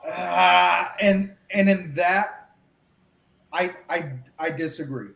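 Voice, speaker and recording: A man's voice: high-pitched, slow, creaky, a bit bright. A man in a casual sports debate, argumentative and often stumbling over his words. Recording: echoey room, faint background hum.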